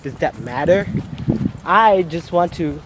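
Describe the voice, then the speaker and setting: Young male vlogger, playful and foul-mouthed, slow-paced delivery, shot outdoors with heavy wind noise on the mic. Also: on the high side, lively intonation. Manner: goofy, joking, sweary. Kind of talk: casual outdoor vlog chat. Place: outdoors on a windy street. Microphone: handheld camera at arm's length.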